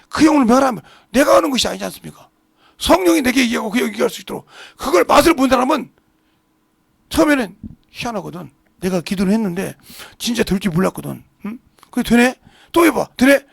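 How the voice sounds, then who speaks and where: A middle-aged male pastor delivering an animated sermon in church and acting out family dialogue in several voices. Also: very high voice, fast, gravelly, breathy edge, no echo, clean studio sound. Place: church sanctuary.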